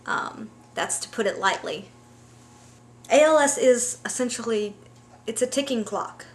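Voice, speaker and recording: A woman's voice: fairly high pitch, measured pace. A woman vlogger talking casually to camera in a personal, unscripted way.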